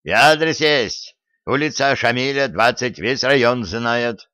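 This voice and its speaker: A man voicing a stubborn old villager who shouts indignantly, in an audiobook reading. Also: medium pitch, a little slow, clear, resonant tone, dry recording, studio quality, pitched above the performer's own voice.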